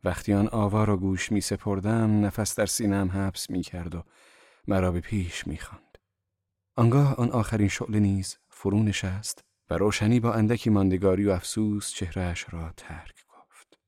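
A man narrating a novel in a measured, literary reading style on a close mic. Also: fairly low pitch, steady tone, darkish tone, no room sound. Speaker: audiobook narrator. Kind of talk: scripted narration.

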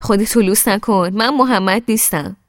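A woman voicing a bossy, teasing young man who loudly mocks and pushes others around. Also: medium pitch, no room sound, studio quality, voice pushed up, natural voice. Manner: mocking and loud.

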